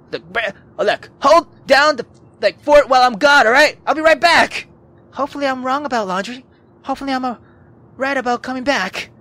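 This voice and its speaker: A woman hosting a let's play, reading a visual novel aloud with loud, profane, emotional reactions. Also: a little high.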